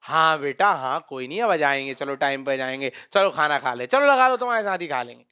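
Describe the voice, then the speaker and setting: Male teacher doing a tired dad, soft and placating, bright tone. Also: extremely high pitch, lively intonation, fast, no echo, studio quality. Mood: soothing. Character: tired middle-aged father calming his daughter.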